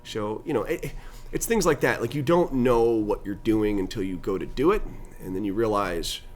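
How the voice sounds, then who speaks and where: A middle-aged man, a guest in an interview, telling animated stories about his nonprofit. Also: normal speed, a little hiss or hum. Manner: animated storyteller, pitch climbs when excited. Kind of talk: conversational interview storytelling.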